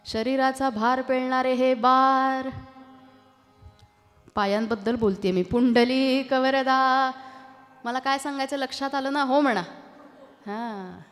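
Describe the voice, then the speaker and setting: A woman with a Marathi accent performing a devotional kirtan in a temple, a lively talk that breaks into sung verses and teases the audience into answering back. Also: high voice, measured pace, long pauses. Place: temple hall. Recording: reverberant hall with faint music.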